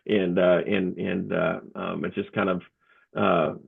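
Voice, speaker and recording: Over a thin, tinny remote line that sounds like a phone, a man with a deep, gravelly voice speaks in a flat way. He's a guest, a comedian and motivational speaker, telling stories in a casual interview, and he halts often, restarting and filling gaps with fillers.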